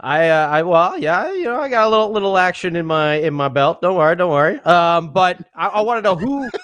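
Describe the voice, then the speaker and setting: A man's voice: high-pitched, animated, brisk, fairly bright tone. A man co-hosting a podcast, playful and chatty, with stumbling restarts. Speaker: podcast co-host. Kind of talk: casual podcast chat.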